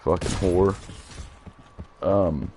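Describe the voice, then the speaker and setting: Gravelly low-voiced man venting on stream. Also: drawn-out words, mellow, slight background noise. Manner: blunt, profane, emotional venting. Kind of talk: live stream chat.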